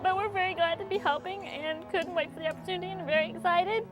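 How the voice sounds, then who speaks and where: A woman's voice: very high voice, steady tone, fast talker, over music, poor audio. A woman from Texas, interviewed as she adopts a dog, apologizing and fighting back tears as she talks. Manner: tearful, apologetic, laughing through emotion. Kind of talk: emotional interview.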